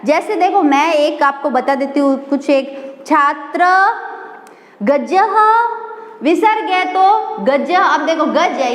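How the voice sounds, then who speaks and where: Lady teacher, slow patient lesson, lots of questions, echoey roomy sound. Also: high voice, a bit bright. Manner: patient, repeats words slowly and asks the class questions. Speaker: school Sanskrit teacher. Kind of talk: recorded online class lesson. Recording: echoey room.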